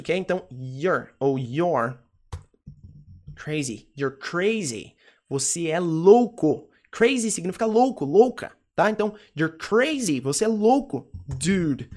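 A teacher with a Brazilian Portuguese accent giving an English lesson, repeating words slowly and checking in with "tá?" and "ok?". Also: medium pitch, animated, darkish tone.

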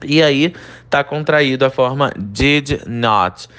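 A man with a Brazilian Portuguese accent teaching English grammar in a recorded online lesson, explaining step by step, often checking with "né?" and reading English example sentences slowly and clearly. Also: mid-range voice, a bit bright.

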